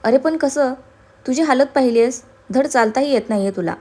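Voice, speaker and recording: A woman's voice: high voice, a little fast, dark tone. A woman voicing an exasperated, protective young man in a storybook reading. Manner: scolding, impatient.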